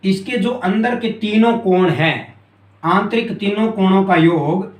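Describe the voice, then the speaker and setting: A man teaching a math lesson at a board, repeating key terms and often asking if it is clear. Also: high-pitched, unhurried. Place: classroom with a board. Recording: echoey room.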